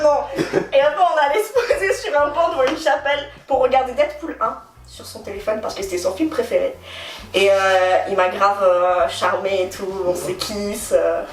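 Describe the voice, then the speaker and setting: High-voiced young woman, laughing storyteller. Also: echoey room, distant mic. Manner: animated, laughs often while telling. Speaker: guest telling dating stories. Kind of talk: casual storytelling.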